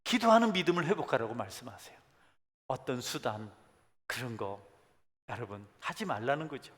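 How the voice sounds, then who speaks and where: A male pastor preaching a sermon. He swings from soft asides to emphatic calls. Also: medium pitch, animated, moderate pace. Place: church sanctuary. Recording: long church hall reverb.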